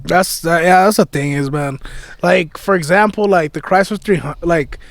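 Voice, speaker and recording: High-voiced young man, slangy podcast host. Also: normal speed, vocal fry, no room sound. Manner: laid-back, slangy, peppers talk with "bro" and "man". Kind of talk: casual chat.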